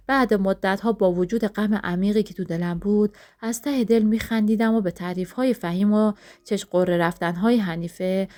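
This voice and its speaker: Lady storyteller, reflective and steady, first person. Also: mid-range voice.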